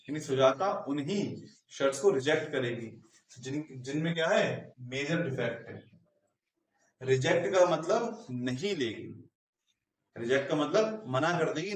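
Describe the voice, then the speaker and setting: A male math teacher giving a Hindi-English classroom lesson, explaining step by step and asking and answering his own questions. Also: a little high. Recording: echoey room, mic at a distance.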